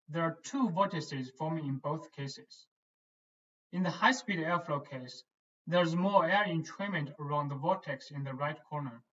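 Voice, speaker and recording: A man, a research engineer, giving a scripted, measured technical explanation as a voice-over for presentation slides. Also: on the high side, a bit bright. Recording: distant, dull lo-fi voice-over.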